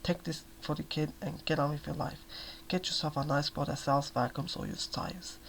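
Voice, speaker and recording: A male reader voices a quiet, menacing young man, cold, hard and dismissive, speaking soft and low in a steady tone at normal speed. His voice sits slightly high with a gravelly edge. It's a soft-spoken ASMR reading with a faint hum underneath.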